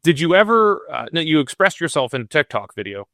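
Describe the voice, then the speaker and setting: A man's voice: fairly high pitch, big pitch swings, brisk, pushed and bright, no room sound, studio quality. A man conducting a news interview, hesitant, with many fillers and restarts.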